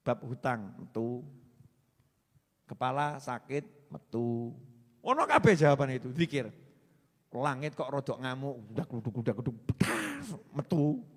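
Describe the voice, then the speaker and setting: A man giving a joking, lively sermon as a preacher. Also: mid-range voice, measured pace, long pauses. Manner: joking, lively, mixes Javanese into Indonesian. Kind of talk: humorous sermon. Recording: reverberant hall sound.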